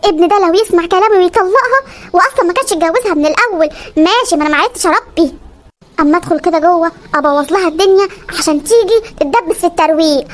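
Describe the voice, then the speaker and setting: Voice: extremely high pitch, a bit bright, a little hiss or hum. A voice actor playing a scheming, spiteful middle-aged mother-in-law in a comic cartoon, speaking with an Egyptian Arabic accent and muttering nagging, plotting asides.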